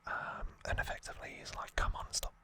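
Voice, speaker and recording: A male ASMR host explains trivia in a soft, unvoiced whisper. His delivery is informal and halting, and he often corrects himself.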